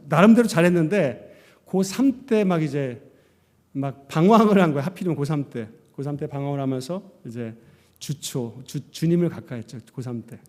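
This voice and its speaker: A male pastor preaching a sermon, telling his story with lively acted-out lines. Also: on the high side, big-room sound. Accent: Korean. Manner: animated storytelling, acting out his own past words. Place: church sanctuary.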